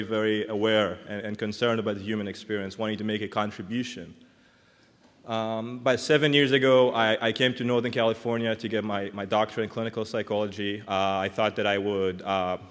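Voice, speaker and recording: An Israeli man in his thirties, a clinical psychologist, gives an earnest and reflective conference talk in English. His voice is mid-range with a fairly bright tone. Recorded in a large conference hall, it carries a long reverb.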